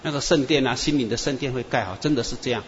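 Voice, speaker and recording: A man preacher, telling dream testimonies in an animated storytelling sermon. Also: mid-range voice, fast talker, slight background noise. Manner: animated storyteller, many "啊" and "哈" tags. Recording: echoey muffled hall with faint ambience.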